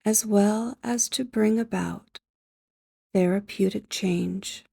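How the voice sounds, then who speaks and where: Speaking close to the mic, a woman leads guided sleep hypnosis, her mid-range voice soft, breathy, and nearly whispered. She stays gentle and measured, leaves long pauses, and keeps her intonation fairly even, with no echo in the recording.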